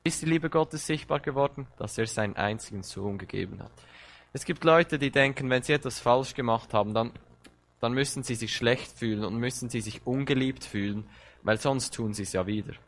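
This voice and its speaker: A man's voice: mid-range voice, a little fast. A man preaching a sermon, speaking straight to his listeners, repeating words and pressing his points with passion. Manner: impassioned, direct address with rising emphasis and repeated words.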